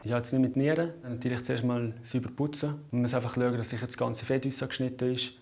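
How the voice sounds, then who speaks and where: A man's voice: medium pitch, fairly even intonation, fairly quick, darkish tone, a little hiss or hum. A man in his twenties, a chef casually explaining his cooking. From Valais, Switzerland. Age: 20s. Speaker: chef and contestant. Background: music.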